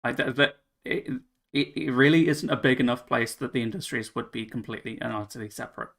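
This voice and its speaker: A man narrating as game master of a tabletop game, halting with fillers and restarts. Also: mid-range voice, creaky, a bit bright.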